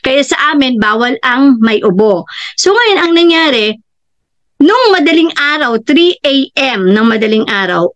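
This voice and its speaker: A middle-aged woman giving a personal testimonial, telling her family's story in an animated way and jumping high when she quotes others. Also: unhurried. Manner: animated, acts out quoted family members with sudden high-pitched jumps. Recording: dull, slightly lo-fi recording.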